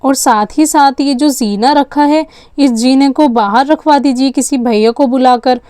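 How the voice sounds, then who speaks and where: Chatty young aunt voiced by a woman, bossy and eager, high voice, dry sound. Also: a little slow, a little mellow, clear, resonant tone, no room sound. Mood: coaxing. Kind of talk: storytelling with dolls.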